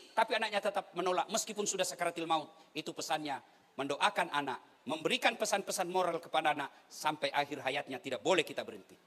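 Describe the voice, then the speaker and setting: A middle-aged man preaching a sermon to a congregation, swinging between soft pleading and loud exclamations. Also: high voice. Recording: echoey hall.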